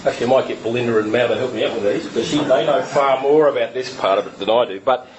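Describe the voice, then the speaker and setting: A man's voice: mid-range voice, fast talker, a crowd in the background, rough recording. An author reading from his biography at a talk in a lecture room into a podium microphone, then answering questions. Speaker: author and guest speaker.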